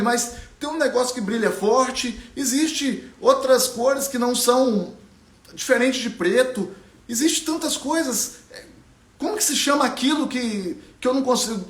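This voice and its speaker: A man's voice: extremely high pitch, reverberant, pitched above the performer's own voice. A man voicing a stubborn young female bird who insists on what she saw, pleading and insistent.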